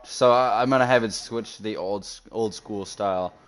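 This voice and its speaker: A man's voice: on the low side, moderate pace, clean tone. A man streaming a game, chatting casually with a friend, joking crude and laughing often. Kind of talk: casual gaming chat.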